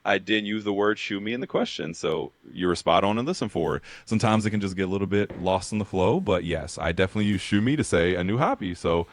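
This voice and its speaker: A man's voice: low voice, fast, few pauses, dry recording. A man speaking as an encouraging, affirming language tutor in a conversational style.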